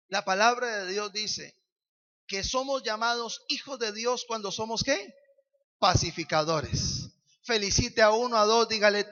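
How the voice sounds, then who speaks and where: A man's voice: very high voice, sharp tone. A man preaching a sermon, leading call-and-response with the congregation and urging them to repeat after him. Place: church hall. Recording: dull lo-fi with long church reverb.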